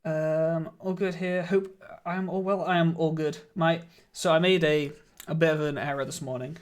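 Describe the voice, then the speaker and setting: Streaming a game into a studio mic, a man with a slightly croaky voice pitched a touch above the usual male range chats casually with viewers. He greets and thanks them warmly and laughs easily, keeping a steady tone at a moderate pace.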